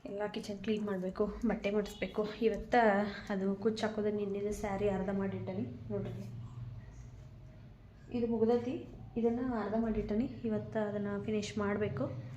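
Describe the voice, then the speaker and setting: A woman's voice: medium pitch, steady tone, normal speed, mellow, lo-fi sound, slight background noise. A young woman, chatting casually to viewers in a home vlog and showing them her housework. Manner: chatty, keeps saying "look" to viewers. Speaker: vlogger and mother.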